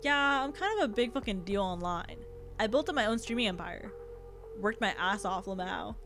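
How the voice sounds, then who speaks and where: A woman's voice: medium pitch, animated, brisk, over music, natural voice. Woman doing a smug Valley Girl young streamer. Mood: boastful. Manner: Valley Girl drawl, slangy internet speak.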